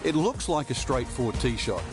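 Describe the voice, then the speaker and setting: Golf commentator played by a man: knowing analyst in a sports game, mid-pitched, conversational, explaining and cautioning, clear music bed. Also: animated, moderate pace, close to an everyday voice.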